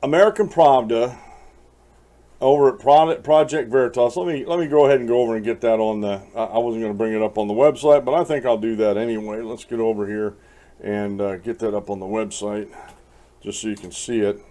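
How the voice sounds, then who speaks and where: Rambling male commentary host, mellow voice. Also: mid-range voice, a little fast. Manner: rambling, frequent restarts and fillers, addresses folks; chuckles while reading aloud. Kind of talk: casual political commentary.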